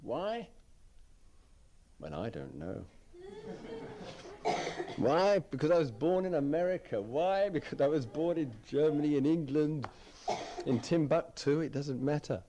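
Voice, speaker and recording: A man's voice: on the high side, lively intonation, a little slow, long pauses, background noise. A man giving a dharma talk as a meditation teacher, reflective, often repeating phrases as he searches for words.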